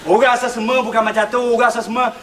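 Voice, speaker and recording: A man acting a jokey, idle resident of a low-cost flat in a 1980s TV sitcom, playful and prone to breaking into song. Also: racing, distant mic, very noisy. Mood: gossiping.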